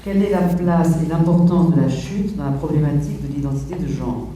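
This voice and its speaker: A man's voice: fairly high pitch, brisk, mellow, a little hiss or hum. A man moderating a panel who reads out a question from the audience. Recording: distant, echoey room mic.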